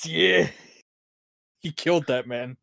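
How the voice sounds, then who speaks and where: Young man, slow unhurried talk, fairly high voice, dry close sound, joking movie commentary. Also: gravelly, fairly bright tone, no room sound. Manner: joking, swears, laughs a lot. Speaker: podcast co-host.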